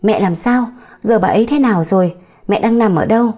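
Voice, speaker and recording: A woman's voice: medium pitch, brisk, mellow, faint music behind, close to an everyday voice. A woman voicing a wary young wife in an audiobook story, cool and guarded. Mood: alarmed.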